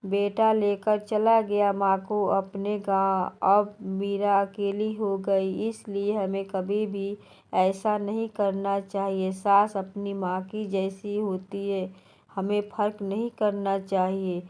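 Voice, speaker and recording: A woman narrating a moral family story for her channel, in a plain, unhurried reading. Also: mid-range voice, monotone, darkish tone.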